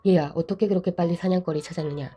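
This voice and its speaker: Lady reading a solemn old patriarch, low mellow voice, quick pace. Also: fairly even intonation, slightly rough, soft background music. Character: aged blind father, solemn patriarch.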